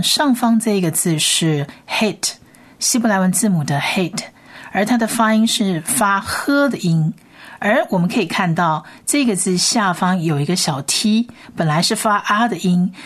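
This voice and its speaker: A woman teacher leading a Bible Hebrew reading lesson, slowly and patiently sounding out each letter. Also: medium pitch. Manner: slow, patient spelling-out of sounds.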